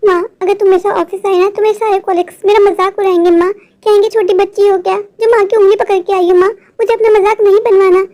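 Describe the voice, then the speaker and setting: A woman's voice: extremely high pitch, fairly even intonation, quick pace, hardly any pauses, mellow. A woman voicing a stubborn young office worker who pleads anxiously and is often close to tears. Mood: arguing. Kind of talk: storybook voice acting.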